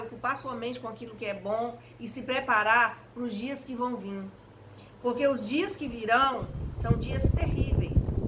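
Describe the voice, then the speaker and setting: A woman giving an earnest devotional talk at home, exhorting listeners directly, with an electric fan blowing right in her face as she speaks. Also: on the high side. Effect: electric fan blowing right in her face while she talks. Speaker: evangelical lay preacher. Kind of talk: home devotional reflection video. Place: hot room at home. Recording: home recording with loud fan noise. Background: steady whir of a fan.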